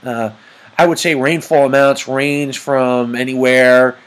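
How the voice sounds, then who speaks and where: A man presents an informal weather report over maps, speaking haltingly with frequent ums as he goes. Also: medium pitch, fairly even intonation. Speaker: amateur weather report host.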